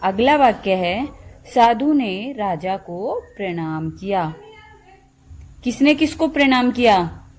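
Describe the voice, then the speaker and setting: Slow, patient woman teaching children. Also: mid-range voice, expressive, a little mellow. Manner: slow, deliberate, explains word by word to children. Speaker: primary school teacher. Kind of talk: slow classroom lesson for young children.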